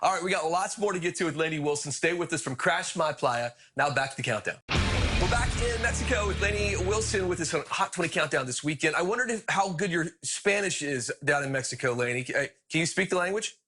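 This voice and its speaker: A man's voice: on the high side, lively intonation, brisk, music in the background. A man hosting a radio countdown show, interviewing guests in an upbeat, teasing way.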